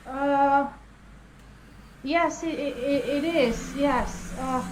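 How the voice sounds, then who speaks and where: A woman's voice: high voice, drawn-out words, slight background noise, poor audio. A woman playing a naive young woman who dreams of film stardom, in an improvised film-noir comedy scene; she talks hesitantly, stammers and giggles. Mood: naive, eager.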